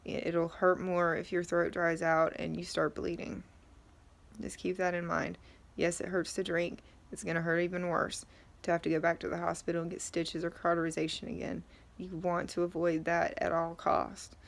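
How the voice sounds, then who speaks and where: Casting: middle-aged female vlogger, low creaky voice, subdued, throat sore after tonsil surgery, casual advice. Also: completely flat delivery, normal speed. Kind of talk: casual talk to camera about recovery.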